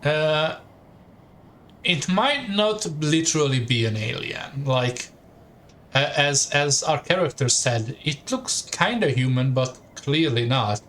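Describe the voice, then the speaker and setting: A man's voice: fairly high pitch, lively intonation, takes it slowly, a bit bright. A man streaming a story game, reading the text aloud in second person and adding casual asides.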